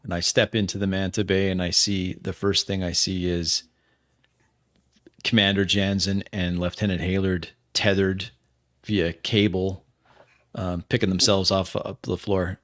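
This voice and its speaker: A man's voice: low-pitched, little pitch movement, unhurried, a bit bright, no room sound, studio quality. A man playing a captain in a tabletop game, giving terse commands and narrating his own actions. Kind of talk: in-character role-play and action narration.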